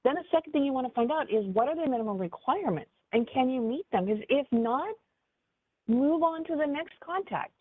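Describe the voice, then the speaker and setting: A woman's voice: sits high, a little fast, slightly rough, no room sound. Woman advisor doing a webinar, chatty with lots of ums, sounds thin like a phone call. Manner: animated, conversational, lots of fillers. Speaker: business advisor giving a training. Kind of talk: webinar presentation. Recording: tinny phone-like dry audio.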